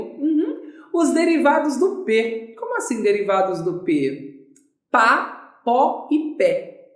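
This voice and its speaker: A Brazilian woman teaching an online grammar lesson, chatty, asking and answering her own questions. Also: sits high. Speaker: Portuguese teacher. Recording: echoey room.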